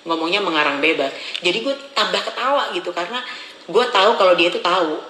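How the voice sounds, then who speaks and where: High-voiced, gossipy man ranting on phone. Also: fast, pushed and bright, reverberant, slight background noise, rough recording. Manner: chatty, repetitive, gossipy, indignant. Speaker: social media vlogger. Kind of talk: casual rant to followers. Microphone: phone camera at arm's length.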